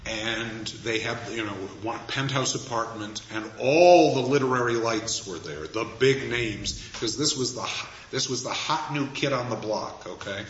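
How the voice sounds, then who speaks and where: A man's voice: mid-range voice, moderate pace, hardly any pauses, a bit bright, slight background noise. Wry male lecturer in an echoey hall. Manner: wry storyteller, chuckling at his own asides. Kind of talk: anecdotal lecture. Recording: echoey, dull room recording with faint ambience.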